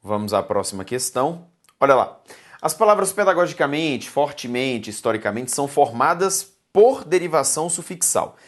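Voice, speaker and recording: A Brazilian woman running an exam-prep grammar lesson, her pitch swinging widely up and down. She talks emphatically and keeps pulling students back with calls to look and listen. She fondly addresses them as her dears. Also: big pitch swings, normal speed. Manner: affectionate, calls viewers "my dears".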